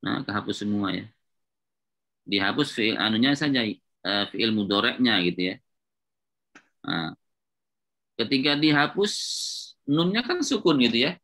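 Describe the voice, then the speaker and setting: Bright-toned male Arabic grammar teacher. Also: fairly low pitch, very animated, unhurried, long pauses. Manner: patient, repetitive, checks with students often. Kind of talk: classroom lecture at a whiteboard.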